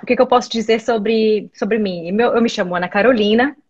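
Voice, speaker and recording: A woman's voice: fairly high pitch, a little fast, lo-fi sound, a little hiss or hum. A woman in her thirties from Maranhão, Brazil, a lawyer and interview guest, answering thoughtfully over a video call with frequent "é" and "né" fillers.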